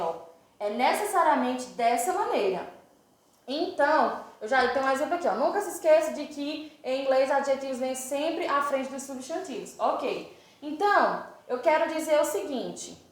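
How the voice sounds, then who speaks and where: A woman teacher with a Brazilian Portuguese accent who explains grammar step by step and reads the English examples slowly. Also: sits high, animated. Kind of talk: online grammar lesson. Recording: very echoey room.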